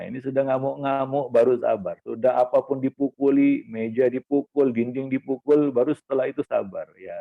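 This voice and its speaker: A man's voice: mid-range voice, gravelly. A man, an ustaz, giving a homely Islamic parenting talk to fathers, with teasing asides and many fillers. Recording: lo-fi phone-like recording.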